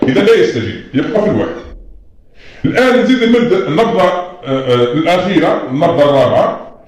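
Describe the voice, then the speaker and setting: In a very echoey room, a man with a high-pitched, slightly mellow voice teaches a lesson. He explains patiently at a board and often tells students to look closely.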